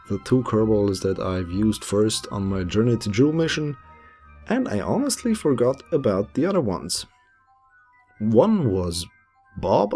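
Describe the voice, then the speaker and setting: Faint music backs a voice-over in which a young German-accented man chats through his space-game footage, often self-deprecating. His voice is fairly low in pitch with a dark tone.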